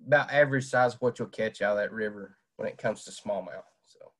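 Speaking a little fast in a lowish voice, this young Southwest Virginia fishing presenter chats casually through a video-call webcam. His delivery is plain and packed with "uh" fillers.

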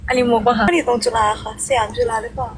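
A woman's voice: a little high, level tone, very fast. A woman chatting in a bubbly way on a live stream from inside a car and reading out viewers' comments. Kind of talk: casual live-stream chat. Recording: noisy in-car audio.

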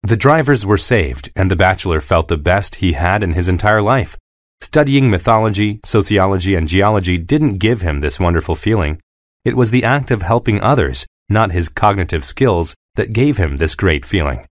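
Low-voiced man reading learner stories. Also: lively intonation, normal speed, no room sound, clean studio sound. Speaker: story narrator. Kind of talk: scripted narration for English learners.

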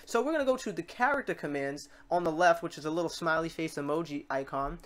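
Over a screen recording, a tutorial host with a medium-pitched voice casually walks through software steps. He speaks fast, informal and unscripted, thinking aloud and correcting himself as he works.

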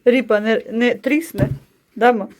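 A woman's voice: fairly high pitch, a little slow, background noise. A woman from Ukraine chatting to the camera in her home kitchen, teasing her family and narrating the cooking. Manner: chatty, teasing, narrates what she sees. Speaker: vlogger filming family cooking. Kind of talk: casual chat to the camera.

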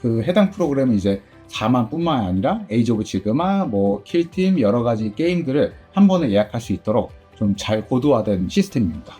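Middle-aged man, shop owner, chatty interview, dark husky voice, lively pitch. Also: fairly quick, hardly any pauses, soft background music. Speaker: game store owner. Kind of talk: casual interview answers.

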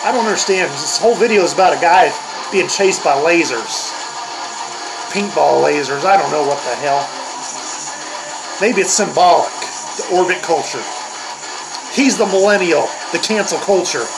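A man's voice: on the high side, lively intonation, normal speed, vocal fry, pauses often, rough recording. An older man hosting a comedic reaction video, grumbling and mocking in a crude, profane way. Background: heavy metal music playing.

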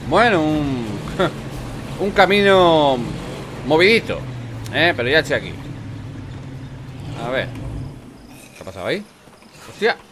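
Swearing Spanish gamer commentating. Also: male voice, fairly high pitch, sing-song, unhurried, pauses often, noisy background. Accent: Spain. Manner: swears freely, chats back at game characters. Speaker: gameplay commentator. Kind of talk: casual let's play commentary.

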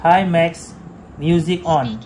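Speaking very slowly in a fairly high voice, this Malaysian-accented man demonstrates motorcycle gear in a relaxed, hands-on way and drops English tech terms into his speech. Noise from the room is clearly audible.

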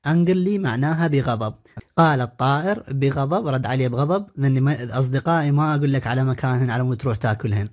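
A man with an Iraqi Arabic accent teaching English in an online lesson, explaining briskly and repeating key words for students. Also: medium pitch, a little mellow.

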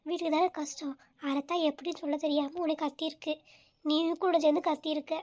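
A woman voicing a kindly, motherly older neighbor who coaxes and gently scolds, speaking in an in a home-made comic skit. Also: high voice, flat delivery, fast talker, lightly acted. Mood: soothing. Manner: coaxing, gently scolding, calls her "amma".

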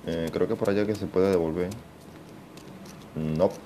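A young man giving casual gameplay commentary, excitable, swearing often and talking to himself. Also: low-pitched, unhurried, slight background noise. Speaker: gaming channel host.

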